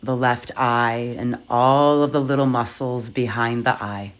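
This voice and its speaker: Slow, soft meditation guide. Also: medium pitch, fairly even intonation. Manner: soft, soothing, measured delivery with long pauses. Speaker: yoga nidra meditation guide.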